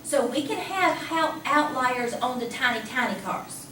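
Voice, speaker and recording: A woman math teacher giving a lively classroom lecture, talking casually and asking the class questions. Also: high voice, measured pace. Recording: echoey classroom from a distance, faint hum.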